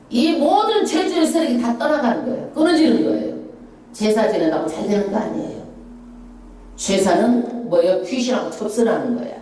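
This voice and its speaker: A middle-aged woman pastor preaches and leads the reading of scripture, driving her points home with rhetorical questions. Her mellow voice swings up and down in pitch. It rings out through a reverberant church hall, picked up from a distance. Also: a little hiss or hum. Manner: emphatic, rhetorical questions, lively swoops in pitch. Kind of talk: Bible-study sermon with congregational reading. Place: church sanctuary.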